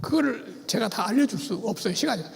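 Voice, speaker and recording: A man's voice: sits high, animated, quick pace, creaky, a little hiss or hum. A pastor leading a church seminar, animatedly quizzing his congregation and having them repeat phrases back. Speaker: pastor teaching about cults. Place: church sanctuary. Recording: long church hall reverb.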